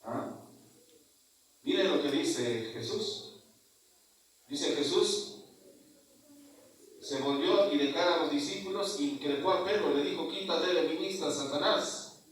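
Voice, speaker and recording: A man, a priest, preaching a sermon at mass, asking rhetorical questions and adding tag questions, slowing to stress key words. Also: a little high, expressive. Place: large church. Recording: very echoey church from far off.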